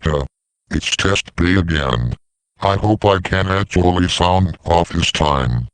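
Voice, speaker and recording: A man voicing scripted dialogue for an animated story about talking machines. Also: sits low, slow. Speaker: voice of talking siren characters.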